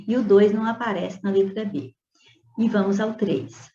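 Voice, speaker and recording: A woman Portuguese teacher going over exam questions, stretching out example words slowly and checking in with her students as she explains. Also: medium pitch, mellow. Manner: checks in with "né?" and "tá vendo?". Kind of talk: exam review lesson. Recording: roomy, dull lo-fi with faint noise.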